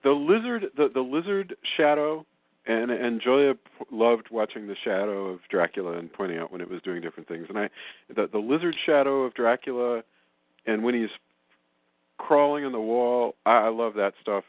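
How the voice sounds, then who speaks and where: A man hosting a casual film review podcast, talking in an animated, rambling way with many restarts. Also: medium pitch, moderate pace, dry recording. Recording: phone-like remote call line.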